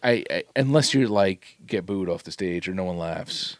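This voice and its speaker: A man's voice: sits low, animated, normal speed, dry recording, clean studio sound. A man co-hosting a podcast in casual chat, rambling with frequent restarts and laughs. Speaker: podcast co-host.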